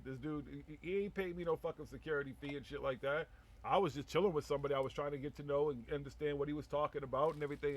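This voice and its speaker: A man hosting a casual live chat, speaking bluntly and rambling with heavy swearing. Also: a little high. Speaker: talk show host.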